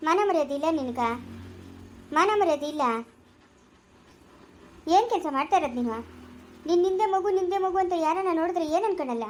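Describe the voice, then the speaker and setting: A woman plays a stern village wife in a homemade family skit, speaking rural Chikkaballapura Kannada. She scolds and moralizes in a very high voice and fires off questions quickly. Her delivery stays sharp throughout. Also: lively intonation, slight background noise. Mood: scolding.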